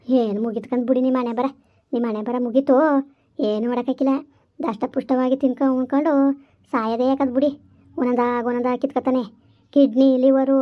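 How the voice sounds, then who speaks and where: A woman's voice: high-pitched, pitched below the performer's own voice, natural voice. A woman voicing a grim female ghost trapped in a bungalow who gives blunt, urgent warnings. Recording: dull lo-fi recording.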